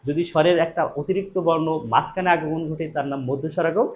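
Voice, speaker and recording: A man's voice: fairly high pitch, brisk. A man teaching a live online exam-prep class, repeating each question and then answering it himself, stressing key words. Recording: dull lo-fi stream audio with faint noise.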